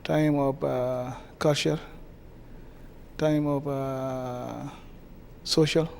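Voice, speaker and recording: A man from South Sudan with a South Sudanese accent, answering interview questions haltingly with many pauses. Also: mid-range voice, little pitch movement, vocal fry, a little mellow, slight background noise. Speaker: guest, community association president.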